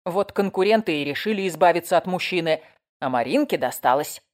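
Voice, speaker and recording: A woman voicing a loud, nosy older female neighbor who gossips and scolds. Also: lively intonation, a little fast, close to an everyday voice. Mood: gossiping. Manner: shrill, scolding, exclaiming.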